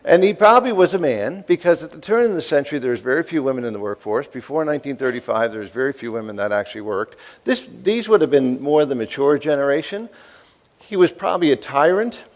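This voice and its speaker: A man's voice: medium pitch, animated, fast. Joking fifty-something man giving a keynote. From East Coast. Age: 50s. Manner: folksy, joking, asks the audience questions. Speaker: keynote speaker. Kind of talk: motivational keynote speech.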